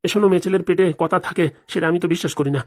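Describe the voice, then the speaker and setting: A woman's voice: fairly low pitch, very fast, voice pushed down, natural voice. A woman voicing a brusque, bossy middle-aged husband in a cartoon, in a hurry to get to the office. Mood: gossiping. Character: deep-voiced gruff husband, middle-aged man, hurried. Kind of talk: cartoon voice acting.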